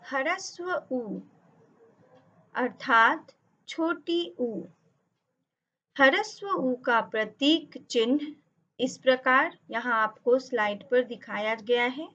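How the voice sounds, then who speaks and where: A woman teaching over slides, speaking slowly and carefully and drawing out each sound she spells. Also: high voice, lively intonation, fairly bright tone. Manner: drawn-out, emphatic spelling of sounds. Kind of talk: slow, careful lesson narration over slides. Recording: dull lo-fi audio.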